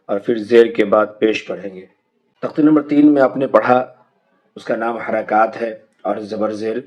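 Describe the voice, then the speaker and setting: A man's voice: lowish voice, highs cut off. A man teaching young children to read the Quranic alphabet, patiently repeating each letter sound and drawing it out. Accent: Indian Urdu. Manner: slow drawn-out drilling of letter sounds.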